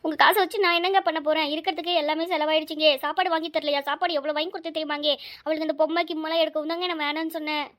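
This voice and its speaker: A woman's voice: sits high, flat delivery, rapid-fire, a bit bright. A woman voicing a sly, melodramatic village wife in a cartoon, whiny.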